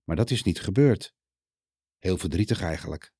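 A man reading a Bible story for children aloud, slowly and gently, sometimes speaking to the listener directly. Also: low-pitched, animated, slightly rough, no room sound, studio quality.

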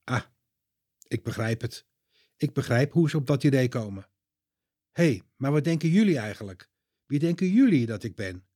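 A man voicing Jesus as a calm, gentle and firm grown man in a children's Bible story reading. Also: mid-range voice, normal speed, long pauses.

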